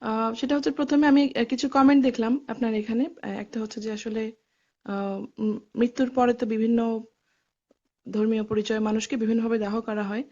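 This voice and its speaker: A woman's voice: a little high, level tone, brisk, long pauses, a little mellow, dull audio. Woman on a choppy, breaking-up call line. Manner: hesitant, many filler sounds. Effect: call audio breaking up. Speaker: caller on a live stream. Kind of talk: casual call-in question.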